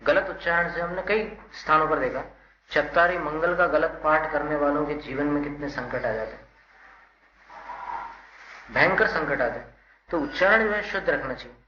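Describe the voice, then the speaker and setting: A Jain monk teaching, leading call-and-response verse chanting and patiently correcting the students' pronunciation. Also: male voice, fairly high pitch. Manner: patient, instructive, stresses syllables. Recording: roomy, dull, loud background noise.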